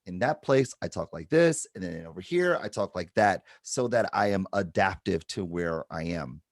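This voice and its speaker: On an advertising panel, a middle-aged Detroit man speaks in a deep, expressive voice at normal speed. He reflects as he explains, checking in again and again with "right?", and the studio audio is clean with no room sound.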